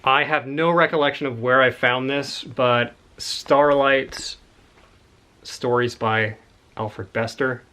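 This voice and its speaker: A man's voice: medium pitch, fairly even intonation, slow pace, bright, forceful tone. A man in a casual, rambling chat about books he has found, enthusiastic and a little out of breath. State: slightly out of breath. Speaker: book collector showing a haul.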